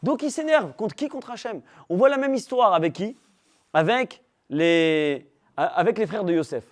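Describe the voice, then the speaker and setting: A man teaching a religious class to young people, animated, firing rhetorical questions at the room and teasing his listeners. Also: sits high, normal speed. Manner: teasing humor with the audience. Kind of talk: lively religious class talk.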